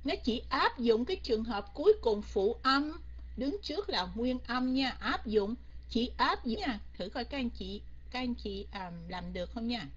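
A woman teaches an online English grammar class, quizzing her students again and again. Her voice sits a little high and has a husky edge. The lo-fi recording sounds dull and muffled. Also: lively intonation, a little slow. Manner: coaxing, keeps quizzing students, mixes in English.

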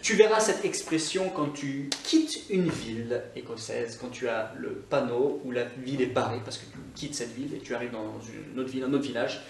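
A man's voice: mid-range voice, moderate pace, few pauses, slight background noise. A man from Scotland, an online English teacher, giving a chatty YouTube language lesson full of small hesitations. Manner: lively and chatty, many hesitations. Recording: roomy, distant mic.

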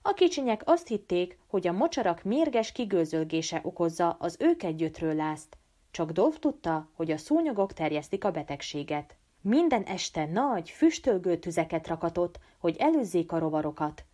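A woman reading a novel aloud as an audiobook, with an animated, expressive delivery. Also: lowish voice. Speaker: audiobook reader. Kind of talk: storybook narration.

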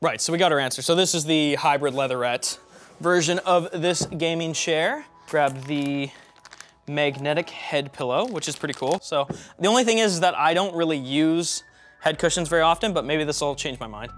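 A young man with a slightly higher-pitched voice talks casually through a product unboxing. He is upbeat and jokey, thinking aloud as he handles each part. Faint music plays underneath. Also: moderate pace, fairly bright tone. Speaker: tech unboxing host.

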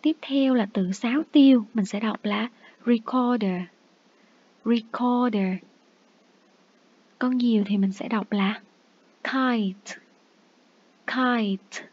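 Speaking a little high with a husky quality, this teacher coaxes young children through a review, slowly sounding out every English word and repeating it with patience. The audio comes across muffled and lo-fi.

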